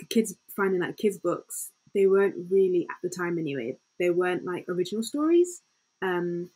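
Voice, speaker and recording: A young adult woman with a low-ish, husky voice tells her story as a panel guest, speaking casually and sprinkling in "like" often. She's on a headset during a video call from a small room at home, and the audio quality is poor.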